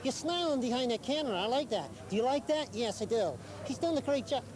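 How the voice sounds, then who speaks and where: A man's voice: very high-pitched, animated, fast, voice pushed up. A man voicing a cheeky ventriloquist dummy that chats and teases the cameraman. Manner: chatty, teasing the cameraman. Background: crowd.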